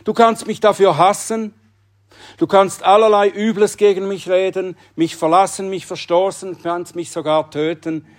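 A man preaching a sermon in an earnest, emphatic way, often dropping to a hushed tone to stress a point. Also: high-pitched, fairly even intonation, normal speed. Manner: earnest, emphatic delivery with dramatic drops to a hush.

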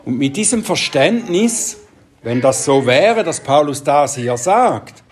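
A male preacher works through a Bible passage in an unhurried teaching sermon. His voice sits a little high for a man, and he speaks slowly and deliberately. He lets his voice drop into quiet asides between points. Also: sing-song.

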